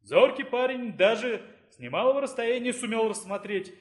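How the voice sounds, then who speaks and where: Expressive man narrating an audiobook. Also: very high voice, normal speed, echoey room.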